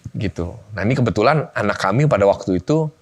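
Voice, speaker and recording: Low-voiced man telling lively family stories. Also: fast. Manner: animated storyteller, acts out family dialogue. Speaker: guest speaker on family life. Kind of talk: casual talk-show conversation.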